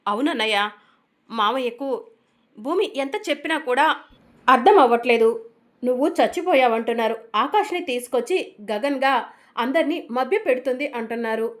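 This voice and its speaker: A confident young man who is steering a family plot, read out by a woman in her own high voice. He talks in an assured, coaxing way. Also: animated, brisk, pauses often. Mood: scheming.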